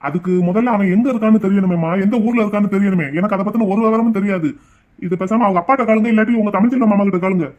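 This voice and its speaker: Cartoon: a man playing a meek tea seller, quick and high-voiced, dull lo-fi sound. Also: darkish tone, close to an everyday voice. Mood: worried. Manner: pleading, fretful. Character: meek adult male tea shop owner. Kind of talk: cartoon voice acting.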